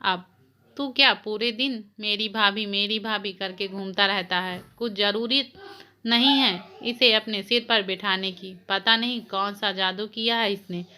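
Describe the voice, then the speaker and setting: A woman voicing a short-tempered young husband who scolds gruffly. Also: medium pitch, fairly even intonation, slow pace, bright, forceful tone. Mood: angry.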